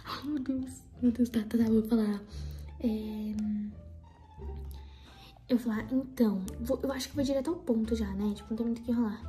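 A woman's voice: a little high, steady tone, moderate pace, mellow, faint music behind. A young woman with a Brazilian accent pranking a friend in a casual vlog, nervous and often dropping into a whisper. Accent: Brazilian Portuguese. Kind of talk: casual prank vlog, reading and typing messages aloud.

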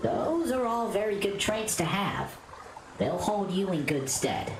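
A woman voicing a calm, wise computer AI guide, reading its lines low and measured. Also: heavy background noise. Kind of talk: reading game dialogue aloud. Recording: echoey room, loud game music.

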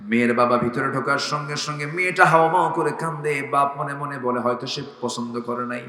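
A man preaching a sermon, acting out dialogue and rising into impassioned shouts. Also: medium pitch, a little fast. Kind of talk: Bengali waz sermon. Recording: echoey hall with long reverb.

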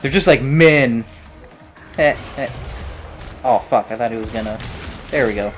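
A man casually commentating his own shooter playthrough, animated and swearing, cracking jokes. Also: medium pitch, brisk, soft background music. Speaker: gamer playing through a shooter.

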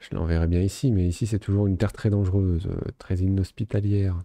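A gaming video host thinks aloud while playing a strategy game, giving casual let's-play commentary packed with fillers. His voice is low, steady and warm, his pace brisk, and there's no echo.

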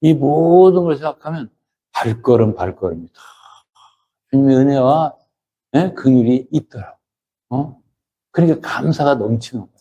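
An older man, a senior pastor, preaching a sermon in a conversational way, often pausing to ask the congregation questions, moving between loud emphatic lines and quiet murmured ones. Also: medium pitch, animated, breathy edge, highs cut off.

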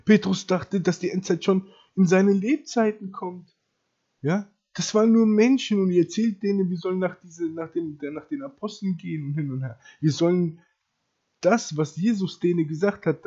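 A man preaching emphatically to Christians, often asking "ja?" and repeating phrases, his loudness swinging widely. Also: on the high side, breathy edge. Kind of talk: impassioned preaching to camera. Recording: dull lo-fi recording.

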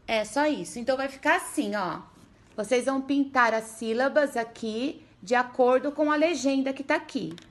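Her voice sits high. She's a primary school teacher with a Brazilian Portuguese accent, leading first graders through a remote literacy lesson at a slow, patient pace, sounding out syllables and regularly checking in with the children.

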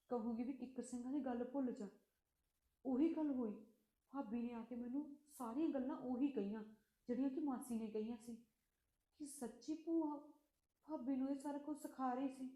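A woman's voice: high voice, warm tone, reverberant, lightly acted. A woman playing a hurt, indignant young sister. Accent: Punjabi. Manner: pleading, then indignant questioning. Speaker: actress in a Punjabi web drama.

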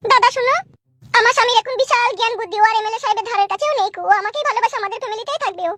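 A woman's voice: very high-pitched, racing, fairly bright tone, dry recording, pitched above the performer's own voice. A woman voicing a fussing young village wife, in a comedy skit. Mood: pleading.

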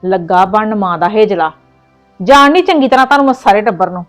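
A woman's voice: medium pitch, animated, quick pace, soft background music, natural voice. A woman acting a sulky mother who curtly snaps at her son in a family web drama. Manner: curt, snappish.

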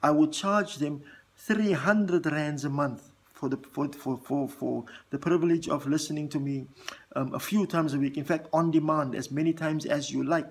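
A South African vlog host in his forties, a native Afrikaans speaker, talks casually and earnestly straight to the camera, rambling and thinking aloud with many fillers and restarts. His voice is a little high and husky at a normal speed, filmed up close indoors.

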